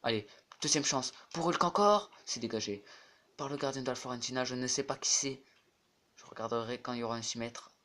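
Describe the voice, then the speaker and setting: A man commentates his own football video game in a casual let's-play, his voice bright and forceful. He chants player names over and over and breaks into shouts when a chance comes. He speaks into a home gaming mic. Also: medium pitch, fairly quick. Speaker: gaming YouTuber.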